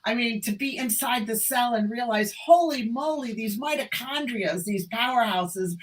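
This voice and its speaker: An American doctor in her sixties speaks with emphatic enthusiasm as a guest in a conversational interview. Her voice is fairly high and her pace moderate.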